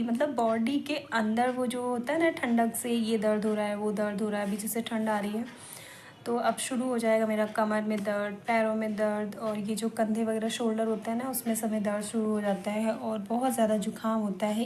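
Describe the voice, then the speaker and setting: Flat-voiced woman vlogger, scratchy throat. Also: on the high side, moderate pace. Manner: chatty, rambling, self-correcting. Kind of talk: casual vlog chat.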